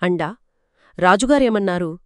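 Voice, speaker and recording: A woman's voice: fairly low pitch, lively intonation, measured pace, clear, resonant tone, no echo, clean studio sound. A woman co-telling a children's folk tale, asking curious questions and reacting with exclamations. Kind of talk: children's story told as a two-voice conversation.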